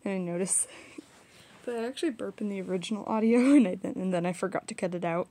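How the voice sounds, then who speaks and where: A woman's voice: mid-range voice, fast talker, warm tone. A young woman giving a casual, rambling, self-deprecating voiceover for her art video, recorded on a small audio recorder. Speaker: art vlogger. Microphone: small audio recorder, drifts off mic.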